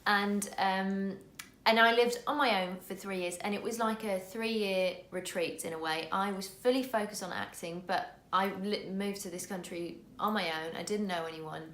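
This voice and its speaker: A woman's voice: mid-range voice, steady tone, moderate pace, fairly bright tone. Woman, 30s, native Dutch, from the Netherlands; earnest casual vlog host, mid-range voice, roomy echo. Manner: earnest, restarts words often.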